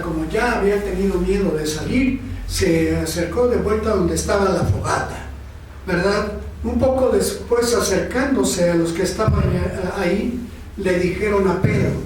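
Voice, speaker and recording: A man preaching as a pastor, slow and conversational, checking in with the listeners often. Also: high-pitched, slight background noise. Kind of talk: sermon. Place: church. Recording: echoey church sound from a distance.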